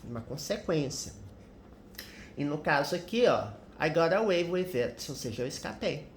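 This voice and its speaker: A man's voice: a little high, lively intonation, normal speed. A Brazilian man teaching an English grammar lesson, explaining example sentences patiently and often checking in with "né?". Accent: Brazilian Portuguese. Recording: roomy echo with faint background noise.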